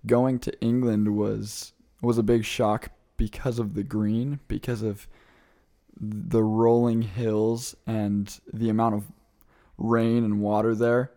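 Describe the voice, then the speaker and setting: A young Midwestern man, a returned missionary appearing as a guest, answers interview questions eagerly and chattily, laughing easily. His voice is fairly low and dark, with a level tone and a slow pace.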